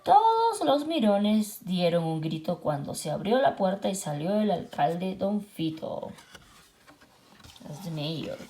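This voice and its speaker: A woman reading a picture book aloud to children, switching between two languages line by line and making lively sound effects. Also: mid-range voice. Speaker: children's storyteller.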